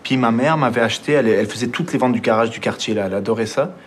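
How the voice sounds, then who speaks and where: A man's voice: medium pitch, a little hiss or hum. A young man with a Quebec French accent, a filmmaker guest telling stories in a casual radio conversation, reflective and full of restarts. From Montreal. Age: young adult. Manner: fast, reflective storyteller with frequent restarts.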